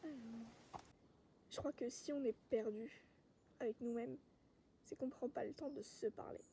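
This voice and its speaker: A woman vlogger giving a calm, reflective monologue outdoors among trees, sometimes dropping to a whisper. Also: fairly high pitch, unhurried, a little hiss or hum. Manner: calm, soft-spoken, sometimes drops to a whisper.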